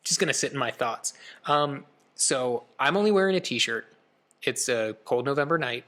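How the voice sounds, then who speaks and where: Bright-voiced man telling a story. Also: medium pitch. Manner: lively first-person storytelling with quick asides. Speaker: podcast co-host. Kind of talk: casual storytelling chat.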